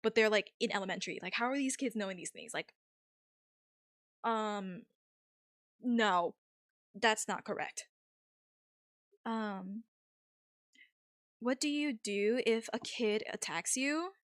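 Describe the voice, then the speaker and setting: A woman's voice: mid-range voice, slow pace, pauses often, dry recording, studio quality. A woman livestream host talking casually and informally with her viewers.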